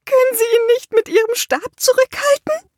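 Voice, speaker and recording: A woman voicing a panicking young female therapist who shrieks for help in a shrill voice. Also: fairly even intonation, moderate pace, a little mellow. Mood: terrified.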